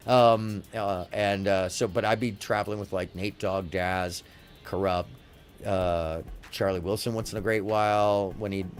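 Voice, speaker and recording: A middle-aged American man hosting a casual live stream, chatting in a halting, rambling way that often circles back. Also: lowish voice, steady tone. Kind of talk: casual chat. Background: faint music.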